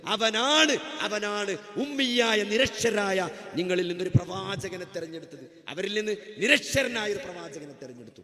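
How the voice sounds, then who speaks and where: Male preacher, very high and sharp voice, fervent and repetitive, long hall reverb. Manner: impassioned, repeats phrases, asks the crowd rhetorical questions. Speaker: Islamic preacher. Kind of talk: sermon.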